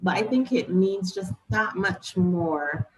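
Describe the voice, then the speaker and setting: A woman's voice: mid-range voice, slow pace, noisy background. A woman from Barbados with a Bajan accent, answering interview questions as a novelist in a reflective, explanatory, conversational way.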